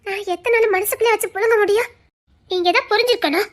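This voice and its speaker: A woman voicing a hurt young wife in a Tamil audio drama, pleading and tearful, rising to shouts. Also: extremely high pitch, fast talker. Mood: resentful. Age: young adult.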